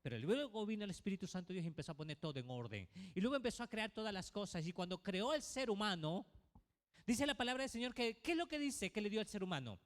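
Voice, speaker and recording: A man's voice: high-pitched, animated, fast talker. A male pastor preaching a sermon to his congregation, asking many rhetorical questions. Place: church. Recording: reverberant church hall.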